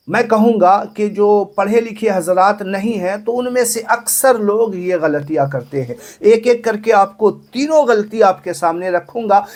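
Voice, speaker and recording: A man teaching the correct way to pray. He explains patiently, repeats his points and asks himself questions before answering them. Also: sits high. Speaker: Islamic religious teacher. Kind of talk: religious instruction.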